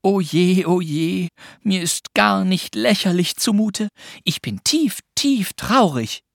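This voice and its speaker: A cheeky little girl from a storybook, as the audiobook reader puts her on, pitched high and playful. She leaps about in lively, theatrical swings. The reading is dry and close. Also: moderate pace, no echo. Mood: mock-sorrowful.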